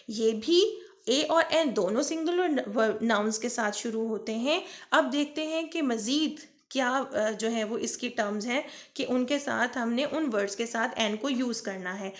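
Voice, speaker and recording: Woman, high voice, unhurried, grammar teacher, spells out English examples word by word. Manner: slow, reads English example phrases out deliberately; frequent fillers and restarts. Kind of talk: explaining grammar tutorial.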